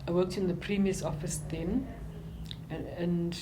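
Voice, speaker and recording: An older woman with a South African accent, speaking in a halting, reflective way as she recounts her life and work in an interview. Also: on the low side, steady tone, noisy background.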